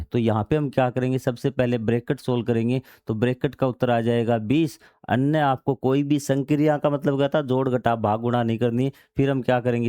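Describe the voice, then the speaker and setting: A man's voice: mid-range voice, mellow, clean tone, no room sound. A man teaching a maths lesson, reading out textbook passages and then explaining them in everyday words, asking questions and answering them himself. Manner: asks questions and answers them himself, repeats key steps.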